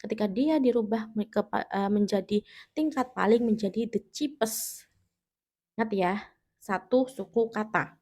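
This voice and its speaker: Woman, Indonesian accent, teacher, patient step-by-step explaining, mid-pitched voice. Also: a little slow, darkish tone. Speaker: English teacher. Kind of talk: classroom-style grammar lesson.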